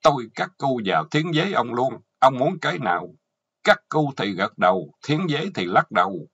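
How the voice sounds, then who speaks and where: A man's voice: mid-range voice, expressive, moderate pace, a bit bright, husky, voice pushed up. A man with a Southern Vietnamese accent voicing a furious, vengeful middle-aged wife who scolds and threatens. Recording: dull lo-fi audio.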